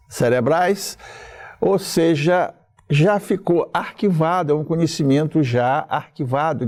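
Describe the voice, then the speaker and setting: Slow, gravelly older man lecturing. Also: on the high side, darkish tone. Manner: slow, deliberate, pausing often between phrases. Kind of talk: spoken lecture.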